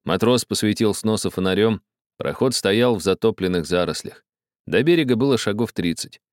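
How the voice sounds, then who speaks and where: A man reading a story aloud as narrator, with an expressive delivery. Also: fairly low pitch, a little fast, no echo, studio quality.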